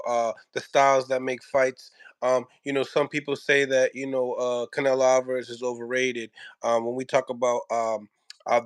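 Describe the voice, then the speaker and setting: A man's voice: mid-range voice, no echo. Man hosting a casual boxing-style reaction chat, dry sound. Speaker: host asking questions. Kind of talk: casual sports reaction talk show.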